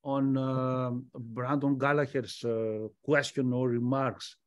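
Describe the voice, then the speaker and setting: A man speaking as a panelist in an academic discussion, measured and hesitant. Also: mid-range voice, little pitch movement, no room sound, studio quality. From Greece.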